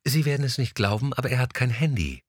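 A man's voice: mid-range voice, expressive, quick pace, no echo, studio quality, voice pushed up, close to an everyday voice. A man reading an audiobook, voicing a blunt, stubborn young woman who speaks curtly and insistently with a raised voice. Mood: indignant. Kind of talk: audiobook dialogue.

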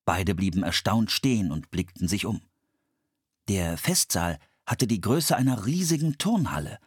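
Lively storybook narrator, a man. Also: fairly low pitch, a little slow, breathy edge, no room sound, studio quality. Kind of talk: children's audiobook narration.

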